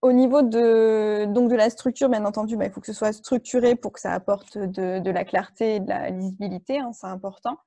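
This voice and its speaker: A woman presenting an online training session, walking her audience through each point with a patient, explanatory manner. Her voice is warm and mellow, of middle pitch, and the recording is dry and close with no room echo. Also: fairly even intonation, brisk, gravelly, hardly any pauses. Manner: explanatory, many fillers and restarts. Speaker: workshop trainer.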